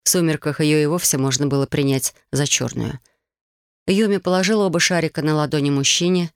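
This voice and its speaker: Audiobook narrator, fantasy novel, measured, mid pitch, dry close mic. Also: dry recording. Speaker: audiobook reader.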